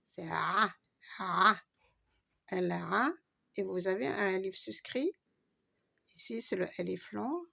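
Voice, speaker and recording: A woman's voice: medium pitch, animated, a little slow, creaky, fairly bright tone, breathy edge. A woman giving a patient, step-by-step Arabic reading lesson, spelling out letters and stretching long vowels. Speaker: Arabic teacher.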